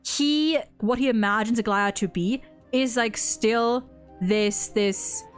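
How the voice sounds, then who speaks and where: This woman's voice sits on the high side and moves slowly and smoothly over soft background music. She's a streamer co-hosting a video game story ranking, gushing like an enthusiastic fan in a casual, animated chat, swearing freely and often stammering on repeated words.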